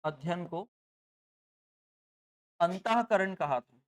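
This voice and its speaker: A woman teaching a live online class. She keeps asking the class questions and then answers them herself, and she dictates notes slowly, word by word. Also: fairly low pitch.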